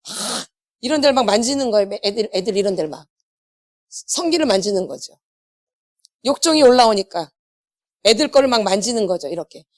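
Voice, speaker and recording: A woman's voice: a little high, dry recording, clean studio sound. A middle-aged woman, a pastor's wife, giving a church healing lecture, asking her listeners questions and repeating the key words back to them. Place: church hall.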